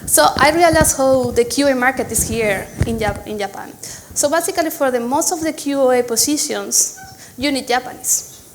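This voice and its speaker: A Spanish woman in her thirties, speaking with a Spanish accent, gives a chatty, storytelling conference talk in a conference hall, packed with "so"s and restarts. Her voice sits high and moves at a moderate pace. The recording is rough, with a little hiss or hum.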